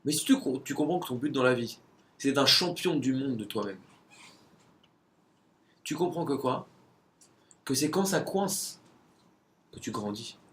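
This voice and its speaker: A man's voice: medium pitch, expressive, measured pace, pauses often, a bit bright. A man giving a conversational religious lesson, asking rhetorical questions and sometimes searching for words.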